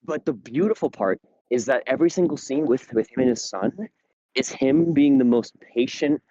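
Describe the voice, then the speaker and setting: A man in casual chat on a podcast, out of breath from walking uphill as he talks, animated and swearing while he tells a story. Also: medium pitch, moderate pace, no echo, dull audio. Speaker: podcast host.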